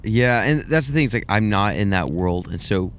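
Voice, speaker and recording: This young film podcast co-host sounds animated, his lowish voice at a normal speed, with a little hiss or hum in the audio. He rambles and hedges in the casual review chat, often at his own expense.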